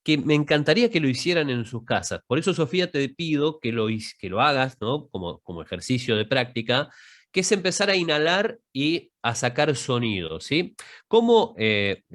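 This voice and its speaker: Over a video call, a man with a fairly high, fairly bright voice teaches an online public speaking class. He explains breathing and demonstrates vowel exercises in this online masterclass.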